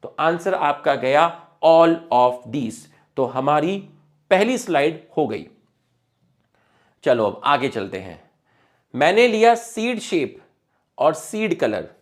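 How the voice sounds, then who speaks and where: Man, biology tutor, exam-prep lecture, high voice, self-answering questions. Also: very animated, slow, long pauses. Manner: asks and answers his own questions, mixing Hindi and English terms. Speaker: biology teacher.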